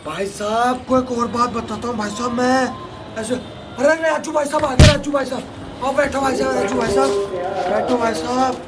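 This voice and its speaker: A meddling neighbor who keeps repeating himself as he gossips, played by a man. His voice sits very high. Loud music plays under him throughout. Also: normal speed. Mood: gossiping. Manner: repeats "brother" every phrase, gossipy. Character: gossiping middle-aged male neighbor, meddling and insistent. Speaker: comedy sketch actor.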